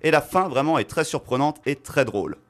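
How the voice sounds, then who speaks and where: A man's voice: fairly high pitch, lively intonation, brisk. A man giving a casual film chronicle on a radio show, chatty and self-mocking, with many fillers and restarts. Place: radio studio.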